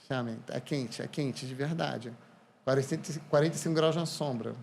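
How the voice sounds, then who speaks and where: A Brazilian man, a podcast guest, telling lively anecdotes in casual conversation. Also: medium pitch, normal speed, vocal fry, slight background noise. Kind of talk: casual storytelling.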